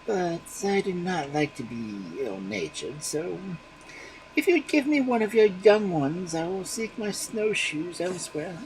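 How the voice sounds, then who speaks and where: A man voicing a sly, greedy fox in a storybook reading, sounding smooth and falsely reasonable. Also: sits high, sing-song, unhurried, slight background noise, pitched above the performer's own voice, exaggerated voice, rough recording.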